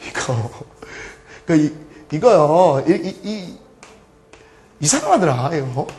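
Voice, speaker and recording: A man with a fairly high voice speaks slowly while teaching an online English grammar lecture. He's lively and joking, acting out the voices of his students' questions.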